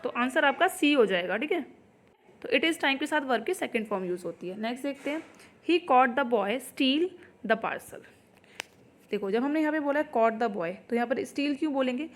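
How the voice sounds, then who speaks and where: Woman teaching English grammar. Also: on the high side. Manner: explains step by step, reads example sentences slowly, corrects herself. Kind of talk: exam-prep grammar lesson.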